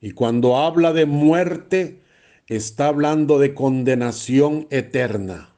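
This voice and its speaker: A man's voice: medium pitch, slow, dark tone. A man, a priest preaching a blunt, emphatic sermon and repeating phrases for stress.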